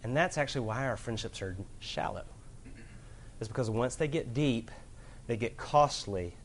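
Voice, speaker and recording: A man preaching a sermon to a room of listeners, earnest, moving from loud emphasis to hushed gravity. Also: mid-range voice, lively intonation, moderate pace. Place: room with an audience.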